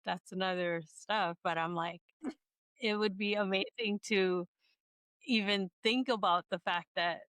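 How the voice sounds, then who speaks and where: A middle-aged woman from Hawaii, hosting a casual interview, chatty and quick to laugh, often restarting her sentences. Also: medium pitch, steady tone, fairly bright tone, smooth, no echo. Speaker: podcast host.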